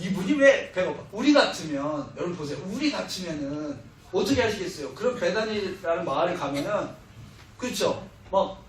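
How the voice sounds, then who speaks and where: Heard from far away in an echoey church hall, a middle-aged man preaches as a missionary speaker with a voice that sits high. He acts out quoted lines while telling funny stories, and a little hiss or hum runs underneath.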